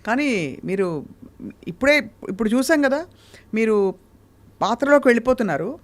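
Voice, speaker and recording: A woman's voice: fairly high pitch, lively intonation, normal speed. A woman hosting an interview, encouraging and praising her guest. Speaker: interview host. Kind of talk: casual interview.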